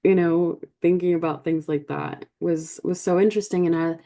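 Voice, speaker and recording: A Colombian woman in her twenties hosts a podcast, sharing personal stories in a relaxed, reflective way and habitually dropping "like" into her speech. Her voice is lowish and warm, with a steady tone and a normal pace.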